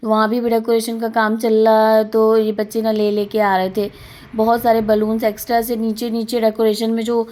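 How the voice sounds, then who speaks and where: A young woman with a slightly high voice tells her family vlog in a loose, rambling way. She talks casually, circles back over her points and laughs as she remembers things. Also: completely flat delivery, normal speed, darkish tone. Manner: chatty, rambling, laughs while recounting. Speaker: vlogger.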